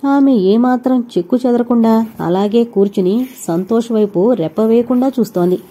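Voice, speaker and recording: A woman narrates an audio novel with scripted, steady delivery. Her voice is very dark and mellow. She tells the story evenly and calmly. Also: a little high, normal speed, breathy edge.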